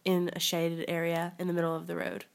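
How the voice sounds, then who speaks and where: A woman's voice: on the low side, completely flat delivery, a little fast, creaky. A young woman guesting on a casual podcast, telling stories in a rambling, wry, joking way. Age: young adult. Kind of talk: casual chat.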